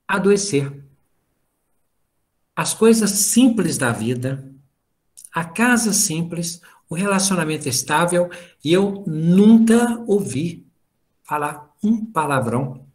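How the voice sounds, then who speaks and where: A man's voice: fairly high pitch, expressive, slow pace, long pauses, a little mellow. A middle-aged man giving an informal spiritual talk over a video call, telling family stories and acting out the dialogue. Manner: storytelling, acts out family dialogue. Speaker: lecturer at a spiritist study group.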